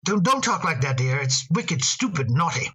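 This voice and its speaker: A man acting in an old radio drama as a tender father talking fondly to his daughter, gentle and a little halting. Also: on the high side, very animated, breathy edge, full character voice, poor audio.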